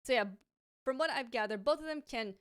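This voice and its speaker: A woman fields viewer questions in a relaxed on-camera chat, her smooth, clear voice high and a bit quick. Frequent stammering has her repeating sounds and starting words over, but she stays reflective and open, with the occasional soft laugh.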